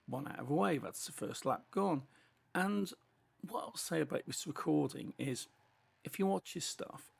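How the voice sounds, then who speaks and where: A British gaming channel host gives chatty running commentary while driving in a racing game. His medium-pitched voice is turning hoarse and fading from a cold, with heavy, hissy S sounds.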